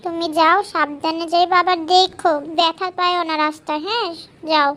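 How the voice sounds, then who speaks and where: Brief: worried cartoon village mom, very high, level delivery. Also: female voice, normal speed. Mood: fussing, warning. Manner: high, even-toned, fussing with warnings. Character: young village mother, anxious and caring. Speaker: daughter-in-law and mother. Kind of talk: cartoon voice acting.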